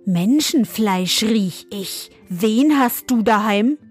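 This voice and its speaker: A woman voicing a gruff, surly male ogre who grumbles his answers. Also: mid-range voice, expressive, slow pace, faint music behind. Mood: suspicious.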